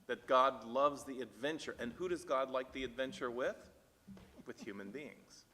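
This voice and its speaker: A man leading a church Bible discussion, thinking aloud with halting restarts and growing animated when he reads the text aloud. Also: mid-range voice. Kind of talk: casual discussion. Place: church meeting room. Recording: church room with long reverb.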